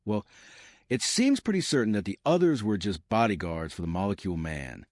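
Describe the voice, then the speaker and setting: A man's voice: lowish voice, very animated, brisk, dry recording, studio quality. Cyclops, a man reading as an earnest team leader.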